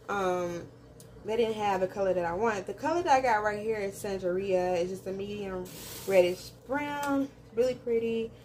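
Chatty woman, home vlog. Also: medium pitch. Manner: chatty, folksy, addresses viewers directly. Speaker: vlogger. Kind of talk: casual grocery haul chat. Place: home kitchen. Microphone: phone camera in front. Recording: noisy home phone recording.

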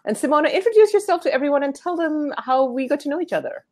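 A woman's voice: high-pitched, lively intonation, fast talker. A woman hosting a casual live video chat, bubbly and laughing often as she talks. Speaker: host.

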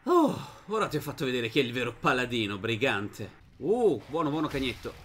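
A young man giving casual let's-play commentary as host of a gaming channel, chatting to his viewers and to the game's characters, and breaking into high shouts in fights. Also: brisk, a little hiss or hum. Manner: excitable, bursts into high shouts during fights.

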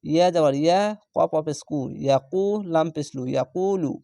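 A man teaching Quran reading, spelling out each syllable and then stretching the whole word slowly. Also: fairly high pitch, fairly even intonation, creaky, mellow, no room sound, studio quality. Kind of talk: step-by-step spelling lesson.

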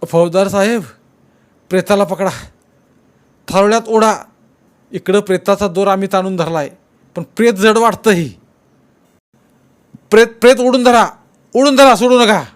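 A bossy middle-aged village headman yells commands at the men around him, as a male narrator puts him on. His voice climbs high and turns loud and strained as he barks. It is a storybook voice. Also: expressive, moderate pace. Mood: shouting orders.

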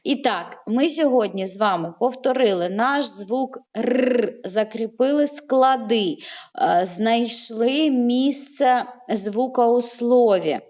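Woman teacher w/ fairly high voice, draws words out slow for little kids, muffled call audio. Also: darkish tone. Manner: slow, drawn-out syllables when saying words aloud; patient, encouraging praise. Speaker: primary school teacher. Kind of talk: online lesson for young children. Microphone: video call.

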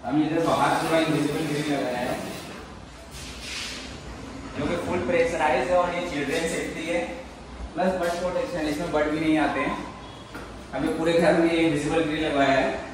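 A man's voice: on the high side, fairly even intonation, normal speed, long pauses, noisy background. Man touring an echoey empty apartment. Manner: plain, matter-of-fact pointing out of features. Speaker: interior contractor giving a home tour. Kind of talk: walkthrough tour, explaining fittings. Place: large empty apartment with bare walls, indoors. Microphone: camera mic, filmed while walking. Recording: echoey empty rooms, camera at a distance.

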